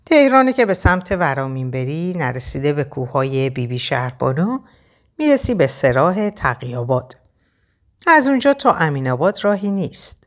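A woman narrating a first-person story aloud, expressive and tense. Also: sits low. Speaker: audiobook narrator.

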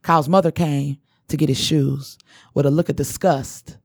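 A woman co-hosting a casual podcast, telling a personal story in a lively way and acting out what people said. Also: low-pitched, normal speed, creaky, no room sound. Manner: animated storyteller who acts out what people said. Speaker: podcast co-host.

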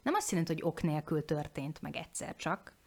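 Woman, forties, low voice, frank, animated, casual swearing, podcast talk. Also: slightly rough. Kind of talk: candid podcast conversation.

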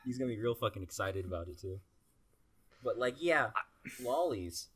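A man's voice: medium pitch, lively intonation, normal speed, slightly rough, no echo. A young man hosting a casual podcast, rambling and teasing his co-hosts with lots of restarts. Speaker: podcast host.

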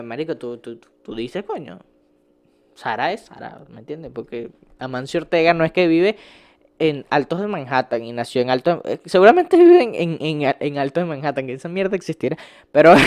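A young man with a Venezuelan accent, ranting casually as a vlogger, swearing a lot, laughing often and stumbling over his words. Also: a little high. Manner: profane, rambling, laughs often, restarts words. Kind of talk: casual rant.

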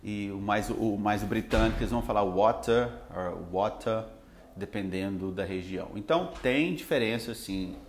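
A Brazilian man who teaches English, talking in a relaxed, rambling way with lots of fillers. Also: lowish voice, fairly quick, few pauses, echoey room, slight background noise. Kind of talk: casual podcast chat.

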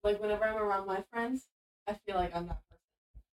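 Soft-spoken woman podcast guest. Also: medium pitch, steady tone, brisk, low-quality recording. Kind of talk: casual chat.

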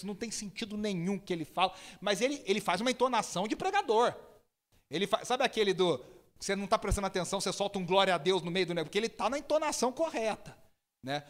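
Male preacher, high voice, lively sermon storyteller. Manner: lively storytelling, impersonates people with sudden high shouts.

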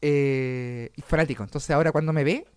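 A Chilean comedian and podcast host telling stories in a casual, swearing, laugh-filled chat. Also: male voice, a little high, fairly quick, clear, resonant tone, no echo, clean studio sound. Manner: swearing, animated, laughs often.

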